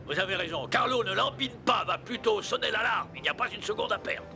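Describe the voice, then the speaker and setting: A man voicing a brisk ship's captain who gives orders to his crew in a cartoon dub. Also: sits high, expressive, creaky, music in the background. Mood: commanding. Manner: commanding, brisk. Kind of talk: cartoon dubbing.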